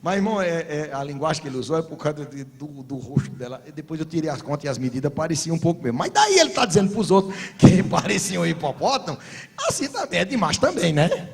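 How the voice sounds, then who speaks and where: Brazilian pastor preaching, high voice. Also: male voice, big pitch swings, quick pace, creaky, a little hiss or hum. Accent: Brazilian Portuguese. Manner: storytelling preacher, humorous anecdotes, rising to emphatic exhortation. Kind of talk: sermon at a couples' conference.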